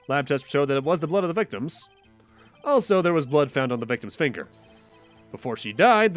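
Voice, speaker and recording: Brief: a man putting on a bumbling Southern cop for a game read-along, folksy and loud, swinging pitch. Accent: put-on Southern US. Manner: folksy, keeps calling people pal. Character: blustering scruffy male police detective.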